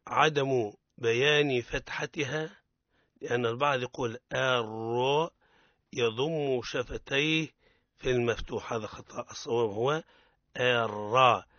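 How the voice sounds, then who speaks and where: A man with a Tunisian accent teaching Quran recitation on the radio, explaining rules and chanting verses slowly for learners to repeat. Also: medium pitch, pushed and bright, dry recording, muffled recording. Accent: Tunisian Arabic.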